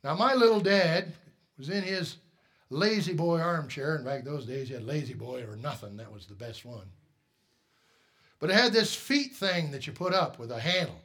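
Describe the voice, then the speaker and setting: Man, middle-aged, pastor, sermon, fairly high pitch, storytelling, quiet asides, loud emphatic peaks. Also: lively intonation, normal speed.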